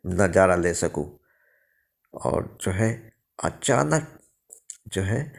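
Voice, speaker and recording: Low-voiced man telling a ghost story. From India. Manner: rambling, with many fillers and restarts. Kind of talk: first-person ghost story narration.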